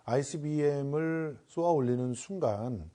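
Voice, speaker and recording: A man commenting on politics on a panel, speaking deliberately and analytically, stretching words around fillers. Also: fairly high pitch, warm tone.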